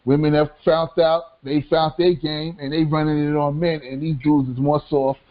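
A man's voice: on the high side, level tone, normal speed. A middle-aged man co-hosting a podcast in casual chat, laid-back, repeating his phrases and saying yeah a lot. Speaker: podcast co-host. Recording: dull lo-fi sound.

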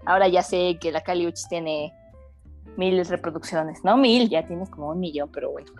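A woman's voice: on the low side, moderate pace, a little mellow. Slangy young Mexican woman bantering over music. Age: young adult. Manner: slangy, playful, self-mocking. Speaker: podcast co-host. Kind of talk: casual comedic chat.

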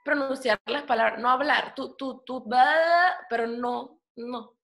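A woman's voice: fairly high pitch, fairly even intonation, unhurried, creaky, a bit bright. A young Venezuelan woman co-hosting a podcast, answering her co-host with teasing, dry comebacks. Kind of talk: casual chat.

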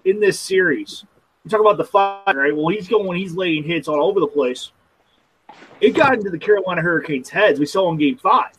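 A man's voice: sits high, lively intonation, fairly quick, background noise. A man co-hosting a casual hockey podcast, wry and opinionated as he breaks down plays. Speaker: podcast co-host. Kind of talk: casual sports chat.

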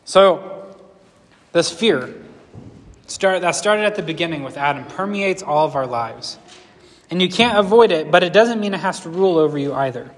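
A man's voice: on the high side, lively intonation, normal speed, long pauses, in a large hall. A man preaching a sermon in a conversational, earnest way, with a slight lisp from a sore lip. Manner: conversational, earnest, asks the congregation questions. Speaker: pastor.

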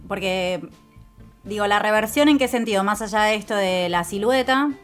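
A woman speaks at a medium pitch in a casual fashion panel. She feels her way through her points and restarts often while she looks for the right word. Faint music plays beneath the talk. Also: normal speed. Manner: hesitant, searching for words. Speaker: fashion commentator.

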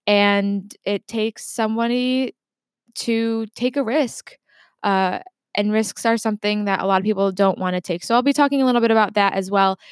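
A woman's voice: on the high side, clear, resonant tone. A young woman in her twenties talks through a casual solo podcast intro from her desk at home. She sounds chatty and reflective, trailing off and restarting her thoughts. The sound is dry and close, with no room echo. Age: 20s. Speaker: podcast host.

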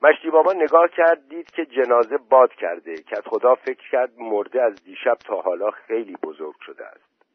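Husky man reading a story, phone-tinny. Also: medium pitch, dry recording. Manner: plain steady storytelling. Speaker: narrator. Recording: dry tinny phone-like voice message.

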